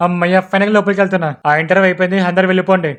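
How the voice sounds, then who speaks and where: A man's voice: high-pitched, flat delivery, rapid-fire, over music. A man acting out a brash, mocking comedy sketch. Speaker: comedy sketch creator playing all parts.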